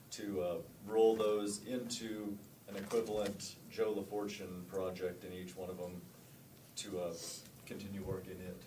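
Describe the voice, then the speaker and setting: A man's voice: lowish voice, mellow. A man, a city budget official, explaining budget items formally at a public meeting with frequent hesitations. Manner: measured, frequent uh fillers, formal. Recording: roomy council chamber, distant mic, background noise.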